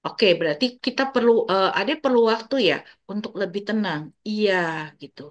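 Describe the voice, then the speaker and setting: A woman speaking gently to parents in a parenting class, explaining step by step and acting out sample phrases for children. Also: medium pitch, expressive, fairly quick. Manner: frequent filler tags like "gitu ya". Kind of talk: informal parenting talk to parents.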